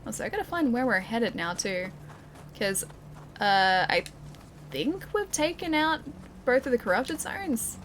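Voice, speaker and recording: A woman's voice: fairly high pitch, big pitch swings, unhurried, long pauses, a bit bright, a little hiss or hum. A young woman streaming a video game, chatting casually with her viewers, laughing often and restarting her sentences. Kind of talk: casual gameplay commentary, chatting with live chat.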